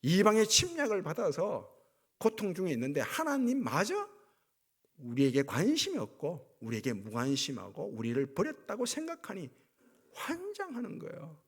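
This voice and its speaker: A male pastor preaching a sermon, acting out cries of anguish with sweeping swings in pitch and volume. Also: breathy edge.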